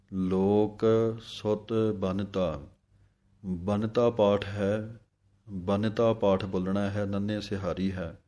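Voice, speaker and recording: Male recitation teacher, low flat delivery, slow chanting alternating with explanation. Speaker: scripture pronunciation teacher. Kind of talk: recitation lesson.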